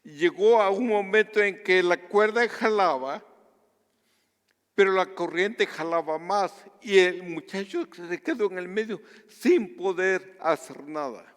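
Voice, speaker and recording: Slow, high-voiced pastor preaching in a hall. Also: male voice. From Guatemala. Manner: earnest, measured preaching that drops to a hush on personal stories. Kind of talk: sermon.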